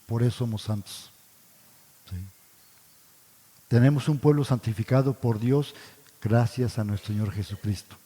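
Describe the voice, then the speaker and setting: Male Bible study teacher, darker mellow tone, rhetorical questions he answers himself, church hall with a long echo. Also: medium pitch. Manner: asks the congregation questions and answers them himself; addresses listeners as brothers, frequent tag questions.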